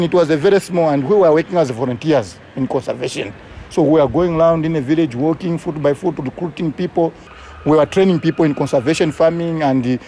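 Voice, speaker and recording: A man's voice: fairly high pitch, dark tone, a little hiss or hum. Earnest Zambian man recalling conservation work. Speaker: community conservation coordinator. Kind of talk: interview recollection.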